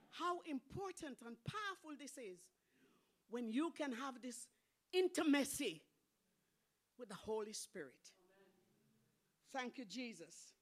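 Fervent high-voiced woman preaching. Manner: fervent, calls out amens and hallelujahs, rises to shouting. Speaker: church elder preaching. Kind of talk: sermon. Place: church hall.

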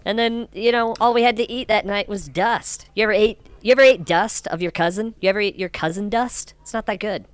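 Casting: man as rambling, foul-mouthed alien desert scavenger for improvised comedy, clear voice, close dry recording. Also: high voice, brisk, hardly any pauses, no echo, close to an everyday voice. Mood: aggrieved, ranting. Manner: profane, rambling. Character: aggrieved desert alien scavenger with many wives. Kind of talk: improvised comedy role-play chat.

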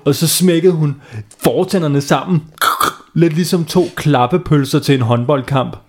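A man's voice: on the high side, darkish tone, breathy edge. A man hosting and narrating a playful bedtime story for children, chatting with young listeners. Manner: playful, talks with kids listening. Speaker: storyteller, host.

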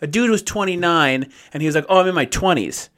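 A man co-hosts a casual podcast and teases his friend between frequent laughs. His voice sits fairly high and swings widely in pitch. He talks in a chatty, animated way. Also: fast talker. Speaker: podcast co-host. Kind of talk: casual chat.

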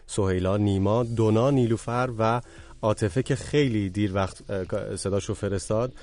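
Low-voiced male radio co-host. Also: a little mellow. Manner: friendly, conversational, with fillers. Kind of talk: casual radio talk.

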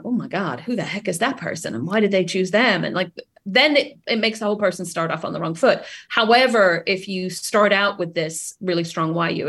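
A woman talking about hiring as a guest on a video call, lively and acting out the reactions of the people she quotes. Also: mid-range voice. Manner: animated, acts out quoted reactions. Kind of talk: casual conversation.

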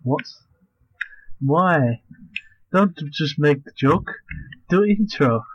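Slow-talking joking man. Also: a little high, expressive, breathy edge, lo-fi sound. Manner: joking, swears often, laughs a lot. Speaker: podcast co-host. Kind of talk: casual chat.

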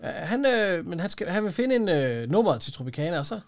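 Giggly man in casual podcast chat, fairly high voice. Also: big pitch swings. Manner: laughs often, halting with many fillers. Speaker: podcast co-host.

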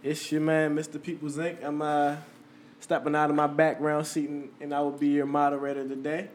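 A man moderating a casual podcast, upbeat and joking, making deliberate announcements. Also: fairly high pitch, monotone, slight background noise.

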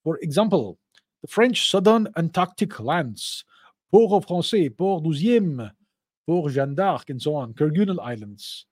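Casting: male Q&A host, Indian accent, fairly high but soft-toned voice, opinionated and explanatory. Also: lively intonation, a little slow, slightly rough, no echo. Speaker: host of a live Q&A show. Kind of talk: informal geopolitical commentary answering viewer questions.

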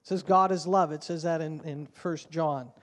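A pastor with a voice on the high side, steady and fairly bright, delivers a sermon at normal speed. He speaks earnestly and conversationally into a pulpit microphone in a church sanctuary, where long reverb echoes through the hall.

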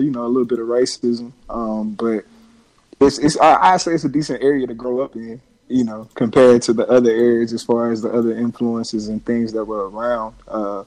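A rapper from Louisiana. He speaks in a laid-back, even, flat tone and pauses on fillers as he answers interview questions. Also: mid-range voice, rough recording. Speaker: rapper guest. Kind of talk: casual interview.

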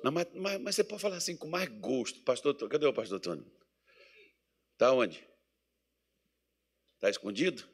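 A man's voice: mid-range voice, moderate pace, long pauses, breathy edge. A man with a Brazilian Portuguese accent from Mato Grosso, preaching a sermon in a church meeting hall and asking the congregation questions. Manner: animated preaching with call-and-response questions to the congregation.

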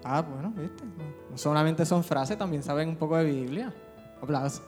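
A man's voice: fairly high pitch, normal speed, a little mellow. A male pastor preaching a sermon with emphatic rhetorical questions, recorded in a church. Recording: church hall reverb with music.

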